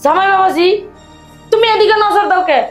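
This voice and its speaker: A woman's voice: very high-pitched, a little fast, faint music behind. A woman playing a fussy, nagging, half-deaf older mother-in-law in a comedy short film. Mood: fussing. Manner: scolding, nagging.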